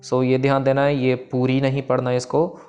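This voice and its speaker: A man leads a recitation lesson, drawing out each sacred line slowly before breaking into brisk explanations of how every syllable should sound. His voice sits at an ordinary middle pitch, and faint background music plays softly beneath him. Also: monotone, dull audio. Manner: chants verses slowly, then explains pronunciation quickly. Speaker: teacher of scripture recitation. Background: soft background music.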